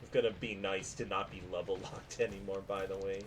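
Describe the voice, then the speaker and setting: A man's voice: low-pitched, flat delivery, a little fast, a little hiss or hum. A man streaming a video game, giving casual live commentary to his chat. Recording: loud game music behind voice. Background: video game music.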